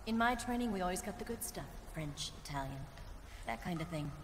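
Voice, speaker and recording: Woman playing a low-voiced, seductive female spy. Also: lively intonation, fairly quick, noisy background, natural voice. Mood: flirty, teasing. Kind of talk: cinematic video game voice acting. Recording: reverberant hall, music underneath.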